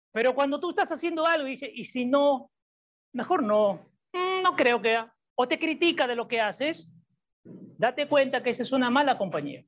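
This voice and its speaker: A woman preaching a sermon, repeating her key points and asking the congregation questions. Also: sits high. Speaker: preacher and psychologist. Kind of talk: sermon with Bible reading. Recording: dull lo-fi recording.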